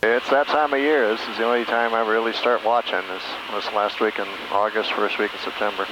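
A private pilot speaking through a cockpit headset mic in a small plane, giving clipped radio calls and chatting casually. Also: male voice, on the low side, steady tone, brisk, noisy background. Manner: crisp clipped radio phrasing. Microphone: aviation headset.

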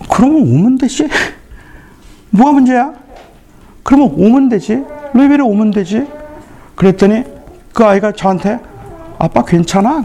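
A man's voice: high voice, creaky, dark tone, slight background noise. A middle-aged male pastor giving a retreat sermon, telling family stories and acting out the dialogue. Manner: storytelling, acts out family dialogue.

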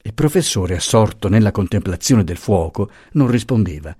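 A man narrating a classic novel in an expressive, measured way for an audiobook. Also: on the low side, husky, no room sound, clean studio sound.

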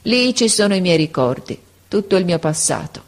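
A woman's voice: lowish voice, very animated, moderate pace. A woman voicing a frail old schoolteacher. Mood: sorrowful. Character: frail old male schoolteacher, gentle, wistful. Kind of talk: audiobook character voice.

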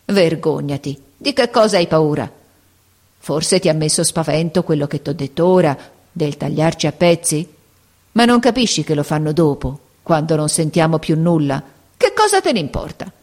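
A woman's voice: sits low, very animated, normal speed, darkish tone. A woman playing a sinister, scornful sick middle-aged woman. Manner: moaning in pain, mocking.

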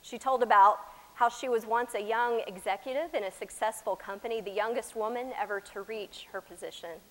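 A woman from Texas with an American accent preaching a sermon, with deliberate, emphatic phrasing, dramatic pauses and swings from loud to soft. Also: fairly high pitch. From Texas, United States. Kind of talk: sermon to a chapel congregation. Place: large chapel, speaking to a congregation. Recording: echoey hall with long reverb.

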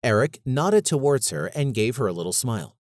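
Lively male storyteller, dry close voice. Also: mid-range voice, dry recording. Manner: brisk, lively reading with character voices. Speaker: narrator. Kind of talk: story reading.

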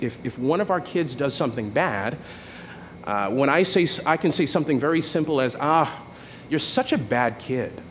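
A pastor in his forties delivers a sermon in a loose, conversational way, starting phrases over and checking in with the room as he goes. His voice sits at an ordinary middle pitch for a man. A faint noise runs underneath. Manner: conversational, repeats "right?" often, many restarts.

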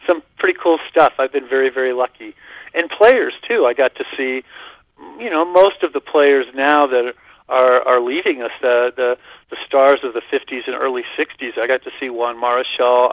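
A man's voice: mid-range voice, no room sound. An older man, a radio guest, telling baseball memories in an enthusiastic, rambling way over the phone. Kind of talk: casual radio chat. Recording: dull, lo-fi phone line.

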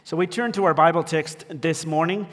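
A man's voice: fairly high pitch, steady tone, moderate pace, a bit bright, in a large hall. A man from Ecuador preaching as a pastor, hesitant with many fillers and restarts. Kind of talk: sermon. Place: church sanctuary.

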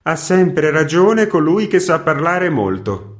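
A man's voice: fairly high pitch, very animated, slow, pitched above the performer's own voice. A man voicing a blunt, mocking male prankster who brushes off an accusation dismissively. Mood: scornful. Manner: curt and dismissive.

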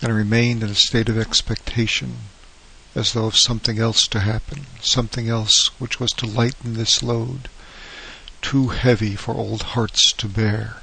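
Male audiobook narrator for horror, steady reading, husky tone. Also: lowish voice, measured pace, poor audio.

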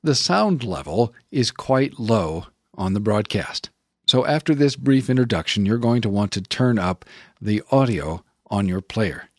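A man hosting a podcast interview, speaking in a measured way with some hesitations. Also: on the low side. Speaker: podcast host.

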